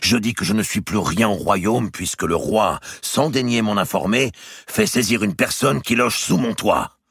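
A man voicing a proud, indignant medieval nobleman in a storybook reading, in a declamatory, forceful manner. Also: lowish voice, moderate pace, slightly rough, dry recording, clean studio sound, pitched above the performer's own voice.

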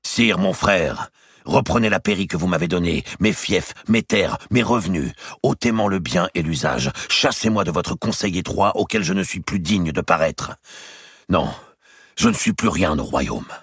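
A man voicing a proud, indignant medieval nobleman in a storybook reading, in a declamatory, forceful manner. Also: deep voice, expressive, normal speed, vocal fry, breathy edge, no echo, clean studio sound, pitched above the performer's own voice, full character voice.

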